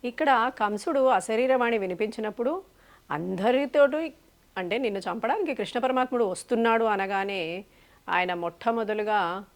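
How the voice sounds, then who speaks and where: A woman spiritual speaker telling a devotional story, animated and full of rhetorical questions. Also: medium pitch.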